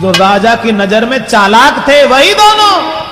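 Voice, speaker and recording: Male folk storyteller-singer, very high voice, echoey old worn tape recording with music underneath. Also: very animated, slow pace. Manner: declaiming, switching between speech and singing. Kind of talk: sung and spoken folk tale narration.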